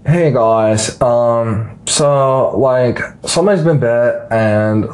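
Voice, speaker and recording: A man's voice: medium pitch, a little mellow, poor audio. A man voicing a ditzy valley-girl news reporter who rambles airily and drifts toward a surfer dude. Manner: airy, rambling, drawn-out filler words.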